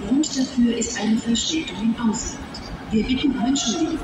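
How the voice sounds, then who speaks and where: A woman making scripted train platform announcements in a flat, measured manner, heard over a station loudspeaker. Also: fairly high pitch, very noisy. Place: large train station hall, heard over public address. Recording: echoey station loudspeaker from far off.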